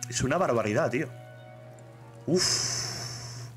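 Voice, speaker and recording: A man's voice: medium pitch, animated, moderate pace, a bit bright, faint music behind. A man with a Spanish accent chatting casually on a live stream, reading chat aloud and saying "tío" a lot.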